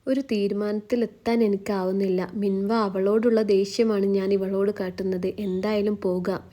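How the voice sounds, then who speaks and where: A cold, torn young husband, as a woman storyteller puts him on, curt and brooding. The voice is mellow and flat, kept in her own low-key register in a spoken storybook. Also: moderate pace, lightly acted.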